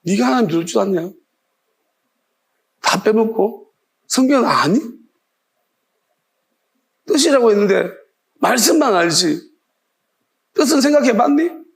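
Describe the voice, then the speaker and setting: A man's voice: high-pitched, animated, unhurried, gravelly, long pauses, breathy edge. A male pastor preaching a sermon, firing off challenging rhetorical questions in a scolding tone.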